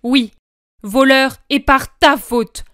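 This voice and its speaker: Femme jouant un homme traître furieux et accusateur, voix haute et forte, lecture dramatique. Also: female voice, sits high, fairly even intonation, takes it slowly, no echo, clean studio sound, voice pushed up. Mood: furious. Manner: shouting bitter accusations. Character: furious man, a scheming traitor disciple.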